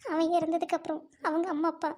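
A woman's voice: extremely high pitch, monotone, fast talker, darkish tone. A woman playing a grieving young widow, speaking in a sorrowful, pleading way as amateur drama acting.

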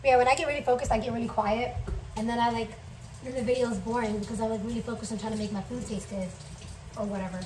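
With a slightly mellow, fairly high voice, even intonation and a quick pace, a young woman of Somali heritage rambles through a casual cooking vlog in her home kitchen, using plenty of fillers. A distant counter-top camera mic captures her noisily.

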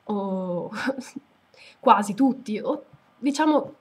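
A woman's voice: mid-range voice, lively intonation, extremely slow, slightly rough. A woman commenting thoughtfully on a book she has just read aloud, with small hesitations. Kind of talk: reflective commentary after reading aloud.

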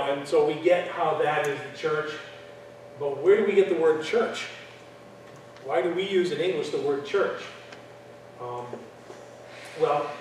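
A man's voice: a little high, darkish tone. Guy lecturing a church class, chatty with lots of ums, mic far off, faint background hiss. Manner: conversational, frequent fillers and restarts. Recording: echoey room from far off, faint noise.

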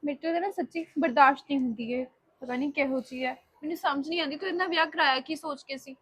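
Woman acting as scheming second wife, demanding, impatient, quick high voice. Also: a bit bright. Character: scheming new wife, pushy and resentful.

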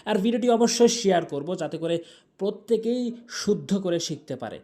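A man teaching Quran pronunciation, chanting verses in long drawn-out tones and then correcting common mistakes in brisk explanations, repeating syllables with stress on throat sounds. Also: high voice, expressive, mellow.

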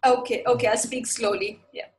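Woman webinar presenter, Indian English accent, brisk delivery with fillers, a touch high-pitched, video call. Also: steady tone, rough recording. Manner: fast-paced explanatory talk with many fillers. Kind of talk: online lecture.

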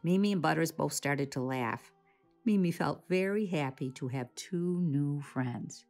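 Calm woman reading a children's story. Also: low-pitched, faint music behind. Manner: slow, calm, deliberate storytelling. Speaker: author reading her book. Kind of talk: slow storybook read-aloud for children.

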